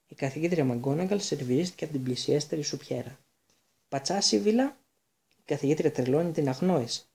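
Male audiobook narrator, calm and even, dark gravelly tone. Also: fairly high pitch.

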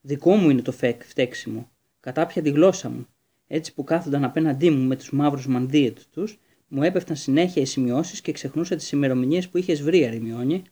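Brief: man doing a big grieving gamekeeper, halting and loud, dark mellow tone. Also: on the high side, slightly rough. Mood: guilty. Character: huge soft-hearted groundskeeper man, grieving and guilty.

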